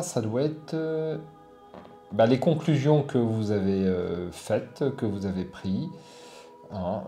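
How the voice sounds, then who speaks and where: A man's voice: medium pitch, warm tone. Hesitant French man reviewing board game accessories. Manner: hesitant, many fillers and restarts. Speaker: board game channel host. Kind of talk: casual product review.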